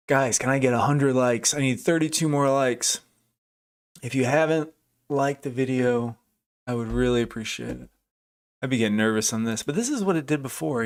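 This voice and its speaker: Gravelly man thinking aloud on a stream. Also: mid-range voice. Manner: thinking aloud, chatty, restarts, reads out chat names. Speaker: livestream day trader. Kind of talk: live trading stream commentary.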